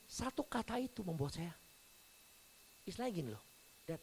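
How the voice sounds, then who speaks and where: A man preaching a sermon as pastor, telling stories with sudden swings from soft to loud. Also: sits high, a little fast, slight background noise, poor audio. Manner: animated storytelling with big swings in volume.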